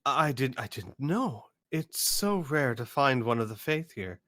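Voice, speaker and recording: A man's voice: medium pitch, sing-song, measured pace, sharp tone, no room sound, clean studio sound. A man voicing a mild, polite, apologetic believer full of wonder in a tabletop role-playing game. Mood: pleasantly surprised. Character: mild, apologetic male believer, awed by the universe.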